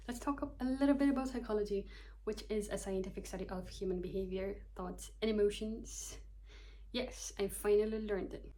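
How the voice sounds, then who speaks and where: She has a medium-pitched voice with a dark tone. A young Kyrgyz woman in her twenties studying psychology, she talks casually to camera in a vlog, making self-deprecating jokes and reading loosely from her notes.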